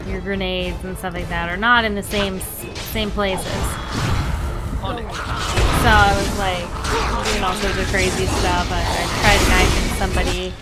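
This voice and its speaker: A woman's voice: medium pitch, flat delivery, a little slow. A woman streaming a game, chatting casually and apologizing for getting distracted. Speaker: gaming streamer. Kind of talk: casual let's-play chat. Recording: game music loud behind.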